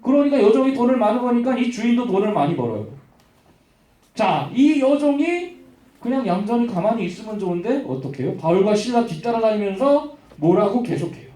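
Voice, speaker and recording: A man's voice: high voice, fairly quick, far from the mic. Man preaching animatedly to children. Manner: animated storytelling, quizzing children by name. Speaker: children's pastor. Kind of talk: Sunday-school sermon to children. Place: church hall. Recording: roomy church hall, voice from afar.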